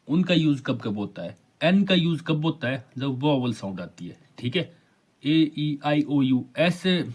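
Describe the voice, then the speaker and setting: A male teacher with a slightly high voice explains an exam paper, repeatedly posing questions and answering them himself. When he reads English sentences aloud, he slows right down.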